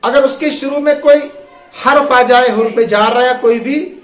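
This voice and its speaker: A man's voice: very high voice, fairly bright tone, soft background music. A man teaching an Arabic grammar lesson to a class, asking questions and having the students finish his sentences. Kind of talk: classroom lesson with call and response. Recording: echoey room.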